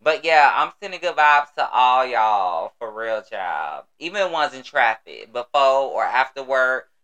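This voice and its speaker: A man's voice: medium pitch, big pitch swings, measured pace, pushed and bright. An American man hosting a casual solo podcast, with a sassy, exuberant manner and salty, slangy talk. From United States. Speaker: podcast host.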